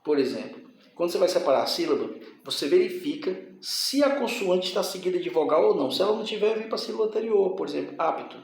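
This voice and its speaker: A man's voice: sits high, very animated, quick pace, vocal fry, a little mellow, very echoey. A man teaching a grammar lesson, explaining step by step and checking in with his students. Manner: explains step by step, often asks "tá?" and "certo?".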